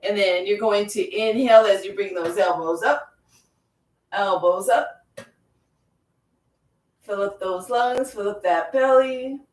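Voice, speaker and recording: Slow, soothing woman leading chair yoga. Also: medium pitch. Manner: slow, soothing guided cues with repeated phrases. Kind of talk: guided yoga class with visualization. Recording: echoey room, voice from far off.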